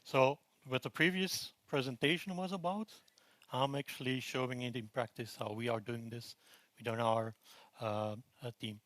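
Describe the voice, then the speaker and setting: A man from Belgium in his forties, giving a relaxed technical conference talk with frequent fillers and restarts. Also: medium pitch, moderate pace, no room sound. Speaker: conference presenter. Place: conference room.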